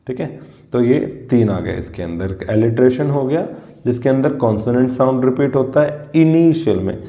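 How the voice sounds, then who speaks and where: A male teacher walks through a grammar lesson at an unhurried, deliberate pace, stretching out example words sound by sound. His voice is very dark and mellow. It carries an echoey, somewhat dull lo-fi room sound. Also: medium pitch. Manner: slow, spells out sounds word by word. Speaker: English teacher.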